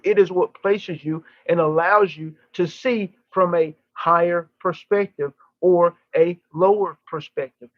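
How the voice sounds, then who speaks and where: A high-pitched man gives a live channeling session like a seance medium, delivering spiritual teaching in oratorical, emphatic phrases broken by deliberate pauses. The recording is dull, with no room sound.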